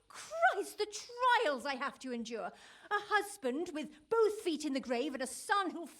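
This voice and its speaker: A woman's voice: high-pitched, very animated, measured pace, fairly bright tone, full character voice. An actress playing a bitter, melodramatic older mother in a video game, ranting in scandalised scorn. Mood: scornful outrage. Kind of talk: dramatic video game acting.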